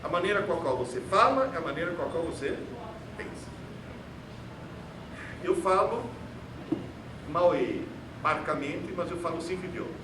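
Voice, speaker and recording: Speaking Portuguese as a second language, a man with a high voice addresses an auditorium in an expressive, theatrical, sarcastic and emphatic manner, at a moderate pace with frequent pauses. He's captured from a distance in a spacious, echoing hall amid clear background noise.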